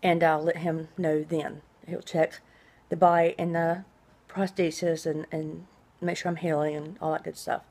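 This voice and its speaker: A middle-aged woman with a low-pitched voice talks casually, as if updating a video diary. Her s sounds are drawn out and hissy, and her delivery rambles along in a conversational way. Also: level tone, a little slow, few pauses, darkish tone. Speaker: vlogger. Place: small indoor room at home.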